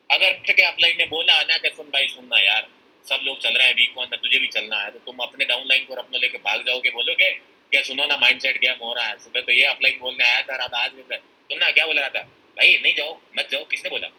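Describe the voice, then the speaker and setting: A man delivers a motivational seminar talk in a bright, forceful, strained voice with a husky edge. He speaks bluntly and with emphasis, and he acts out the excuses people give him. English phrases slip into his talk as he speaks. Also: medium pitch, steady tone, brisk, rough recording.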